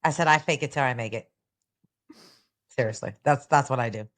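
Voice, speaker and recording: A woman's voice: rumbling low, fairly quick. A woman in casual podcast chat, talking emphatically about her marriage. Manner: lively, emphatic.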